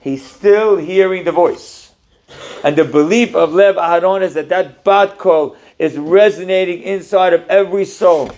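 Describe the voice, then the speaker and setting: A man, a rabbi, giving an animated sermon that teaches through questions. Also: high-pitched, measured pace.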